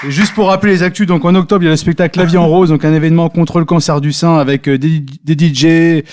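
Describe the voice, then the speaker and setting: A man hosting a talk show in casual style, briskly wrapping up and announcing events. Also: fairly high pitch, fairly even intonation, noisy background. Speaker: host.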